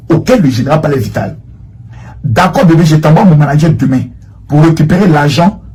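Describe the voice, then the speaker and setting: A man talks to his viewers in a rambling, animated way, often repeating himself. His voice is husky and sits a little high. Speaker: online commentator. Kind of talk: livestream commentary reading chat screenshots.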